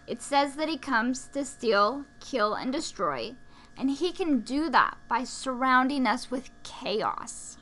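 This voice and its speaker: Slow, bright-voiced woman co-hosting devotionals. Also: sits high, lively intonation. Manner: encouraging, gently preachy. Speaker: podcast co-host.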